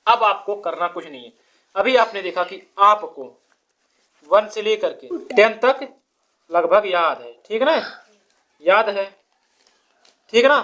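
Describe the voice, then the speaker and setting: A woman's voice: medium pitch, fairly bright tone. A woman teaching a child to count, patiently asking quiz questions and counting numbers aloud step by step.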